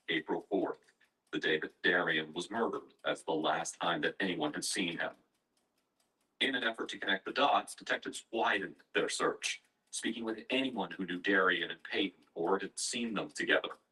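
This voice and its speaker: A man narrates a true-crime story in a measured, grave tone. His voice sits a little low but sounds bright and clear in tone. The recording is picked up from a distance. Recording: distant, heard from afar.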